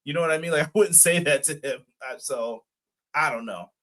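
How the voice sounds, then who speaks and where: A man with a brisk, fairly bright voice on the high side co-hosts a live wrestling podcast. He keeps the stream chat relaxed and casual, reading viewer comments aloud and often laughing.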